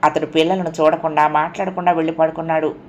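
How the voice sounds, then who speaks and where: Low-voiced woman narrating a story. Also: flat delivery, quick pace, darkish tone, muffled recording. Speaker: audiobook narrator. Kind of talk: scripted narration.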